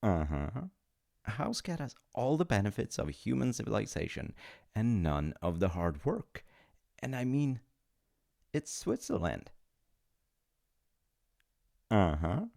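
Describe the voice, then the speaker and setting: For a comedic audio roleplay, a man plays a chummy, rule-bending reincarnation agent of the afterlife, a male supernatural clerk who bends rules like an old pal. His low, creaky, mellow voice is exaggerated and swings widely in pitch, moving a little slowly with frequent pauses. He pitches deals upbeat in loose, hesitant, informal patter.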